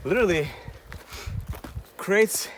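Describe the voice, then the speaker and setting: A man talks on an outdoor walk, coaching in an earnest, repetitive way and keeps asking "right?" to press his points. His voice sits a little higher than most men's. Clear outdoor noise runs under the recording. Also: animated, slow pace, a bit bright. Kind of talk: motivational walk-and-talk monologue. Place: outdoors on a steep hill walk.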